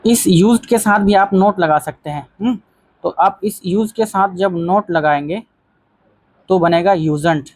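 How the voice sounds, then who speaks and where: A teacher giving a grammar lesson, calling viewers friends, repeating key phrases and reading example sentences out slowly. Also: medium pitch, darkish tone.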